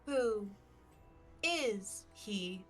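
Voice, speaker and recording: A woman voicing an uncanny, taunting talking tree in a tabletop game, with slow, halting, drawn-out words. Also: mid-range voice, expressive, soft background music. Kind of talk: tabletop role-play.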